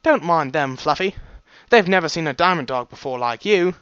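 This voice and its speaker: A man's voice: on the high side, expressive, moderate pace, fairly bright tone, clear, resonant tone, dry recording. A man voicing a friendly, easygoing male pony in a storybook reading, talking in a casual, reassuring way. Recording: dry, slightly dull home recording.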